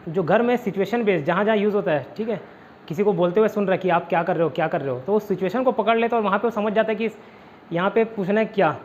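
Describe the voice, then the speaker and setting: A man's voice: high-pitched, fast talker, a little mellow. A man teaching an online class, chatty and often checking in with his students. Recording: dull lo-fi audio with faint noise.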